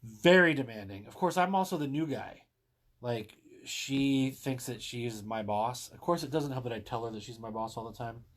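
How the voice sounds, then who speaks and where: A man co-hosting a casual live-stream chat, talking in a relaxed, rambling and wry way. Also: medium pitch, normal speed. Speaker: co-host.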